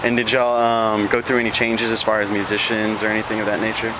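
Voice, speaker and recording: A man interviewing a band in a relaxed, halting way with many fillers, outdoors by a street. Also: on the low side. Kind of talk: casual interview. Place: outdoors behind a bar by a street. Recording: outdoor street noise, traffic. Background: passing cars.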